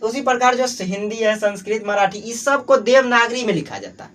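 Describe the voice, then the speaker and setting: Man, Bihari Hindi accent, high-pitched, grammar teacher, self-answering questions, many fillers. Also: animated, fairly quick, a bit bright. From Bihar, Mithila region. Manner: asks and answers his own questions, heavy filler "jo hai". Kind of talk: exam-prep grammar class.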